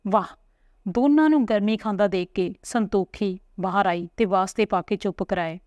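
A woman's voice: medium pitch, moderate pace, no echo, studio quality. Woman reading a family story. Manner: steady, earnest reading. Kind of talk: scripted story narration.

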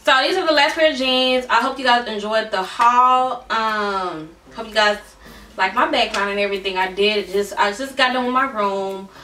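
A woman's voice: a little high, moderate pace, pushed and bright, far from the mic. A young woman chatting casually through a clothing try-on in her bedroom, full of fillers and "y'all," tired and out of breath. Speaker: vlogger. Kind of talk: casual try-on haul chat. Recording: roomy echo, from off the mic.

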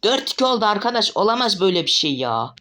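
A man giving live gameplay commentary as a mobile game streamer, excitable and swearing often when frustrated. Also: high-pitched, quick pace, slight background noise.

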